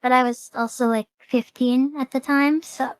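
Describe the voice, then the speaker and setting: A woman's voice: sits high, fairly even intonation, normal speed, clear, resonant tone, no room sound, poor audio. A young woman streaming a game with a friend, chatting casually with dry, teasing humor. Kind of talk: casual gaming chat.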